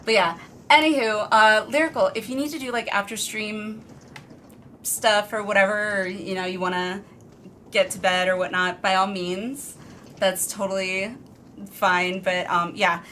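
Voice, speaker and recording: A woman's voice: mid-range voice, steady tone, a little slow, sharp tone, slight background noise. A woman live streamer chatting casually with her viewers in an informal, rambling, self-deprecating way. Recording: music behind the voice. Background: background music.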